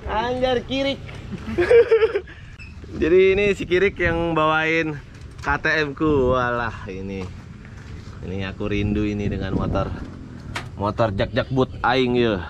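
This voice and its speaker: A man's voice: mid-range voice, measured pace, lo-fi sound. A man, vlogging casually on a muddy trail and joking with his riding friends. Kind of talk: casual vlog chat. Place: muddy dirt trail outdoors. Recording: loud outdoor and engine noise.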